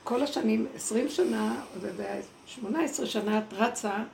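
A woman giving a spiritual talk, telling a personal story in an animated way and acting out the voices she quotes. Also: fairly high pitch, slight background noise. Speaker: speaker at a spiritual gathering. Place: evening gathering indoors. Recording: echoey room with clear background ambience.

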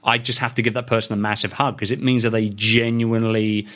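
A man's voice: fairly low pitch, level tone, quick pace, fairly bright tone. A man hosting a podcast from his home office, chatting casually and animatedly with a guest, restarting his sentences often. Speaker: podcast host. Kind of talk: casual interview chat. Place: home office full of books.

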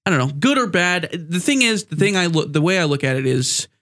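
Congested, higher-voiced man hosting a podcast. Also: sing-song, fairly quick, a bit bright. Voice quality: stuffy, congested nose. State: mildly sick with a sore throat. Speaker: podcast host. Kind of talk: casual sports podcast chat.

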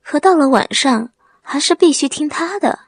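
A woman's voice: high voice, lively intonation, normal speed, dry recording. A woman voicing a stubborn, smug young husband from the countryside who blusters and boasts. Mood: blustering.

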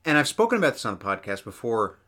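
Co-hosting a podcast, a man rambles through casual sports talk, packing in lots of filler words. His medium-pitched voice is bright and forceful, very animated and fast.

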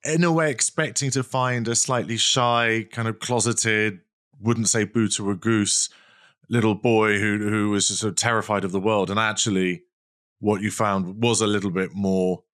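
A man's voice: lowish voice, steady tone, normal speed, fairly bright tone. A man hosting an interview, asking chatty, leading questions in a casual way. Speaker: interview host.

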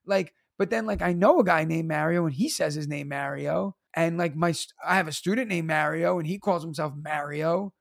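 Comic New teacher, 30s, raspy fry, punchy storyteller. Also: male voice, fairly high pitch, moderate pace, few pauses, no room sound, clean studio sound. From United States. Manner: animated, laughing, acts out voices in his stories. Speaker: teacher and stand-up comedian, guest. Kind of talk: casual storytelling interview.

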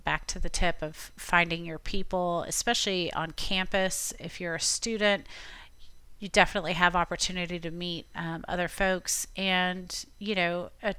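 Woman, from Florida, podcast host, chatty and encouraging, smooth crisp voice, low-ish pitch. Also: dry recording. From Tampa, Florida. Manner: chatty, encouraging, relaxed asides. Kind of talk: casual advice talk.

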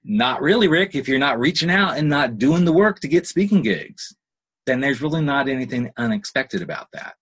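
A man's voice: medium pitch, animated, normal speed, fairly bright tone, breathy edge. A man hosting a solo motivational podcast, talking to listeners in an emphatic, folksy, colloquial way with rhetorical questions and repetition. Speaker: podcast host and speaker.

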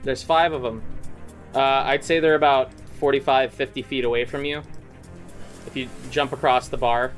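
A man's voice: medium pitch, fairly even intonation, moderate pace, faint music behind. A man narrating as game master, loose and full of fillers.

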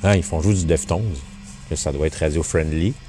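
A man with a Quebec French accent rambles sardonically while driving, his voice low-pitched and dark. He trips over fillers and restarts as he rants in a casual monologue. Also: moderate pace, soft background music. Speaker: podcast host.

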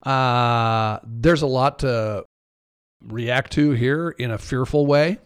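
A man's voice: mid-range voice, slow, clear, resonant tone. A man co-hosting a podcast, talking in a conversational, reflective discussion style. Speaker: podcast co-host.

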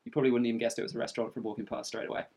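A man's voice: mid-range voice, level tone, very fast, a little mellow, slightly rough. A man hosting a travel podcast, telling stories casually and animatedly, acting out what people said. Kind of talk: casual chatty travel storytelling.

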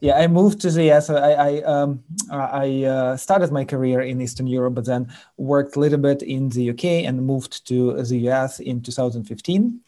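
A man with a Ukrainian accent talks as a podcast guest. His voice is dark and mellow, and his speech halts often with fillers and restarts while his pitch stays middling. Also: steady tone. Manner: halting, many fillers and restarts. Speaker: sales executive guest. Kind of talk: interview conversation.

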